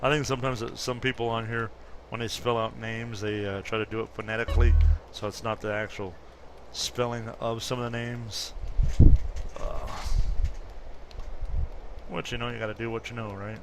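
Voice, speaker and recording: A man in his fifties who makes gaming videos on YouTube gives casual commentary, wandering off topic and fixing his own words as he talks. His mid-range voice keeps a level tone at normal speed against some background noise.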